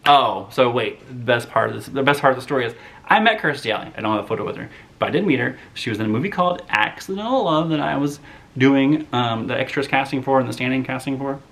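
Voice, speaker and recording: A man in his thirties chatting casually to camera as a movie vlogger, rambling and animated, full of "like". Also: mid-range voice, fast.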